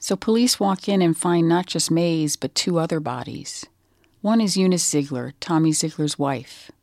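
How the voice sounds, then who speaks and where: A reporter giving measured, scripted narration of a true-crime story. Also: mid-range voice, gravelly, dry recording.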